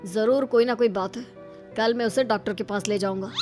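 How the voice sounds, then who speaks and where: A woman voicing a middle-aged cartoon father who speaks in a measured, firm way. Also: a little high, steady tone, music in the background, voice pushed down, close to an everyday voice.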